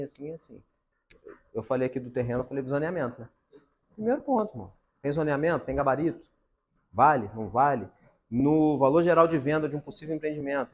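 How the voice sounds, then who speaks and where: A Brazilian man giving a casual talk to colleagues on real estate, slangy and animated, telling stories. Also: medium pitch. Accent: Brazilian Portuguese. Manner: animated, slangy, tells anecdotes.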